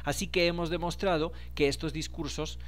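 A man's voice: on the high side, steady tone, a little fast, a little hiss or hum. A man, explaining a data analysis tutorial step by step and speaking directly to his viewers. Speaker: instructor. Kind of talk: screen-recorded tutorial.

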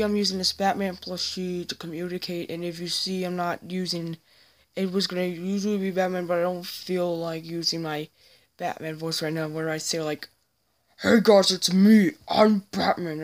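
A woman giving a casual, apologetic vlog update, rambling and halting with many restarts. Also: fairly low pitch, fairly even intonation. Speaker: YouTuber.

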